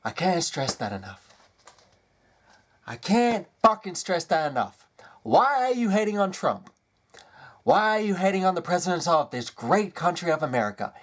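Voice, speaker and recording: A man delivering a comedic character rant, lurching between low mutters and loud outbursts. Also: sing-song, moderate pace.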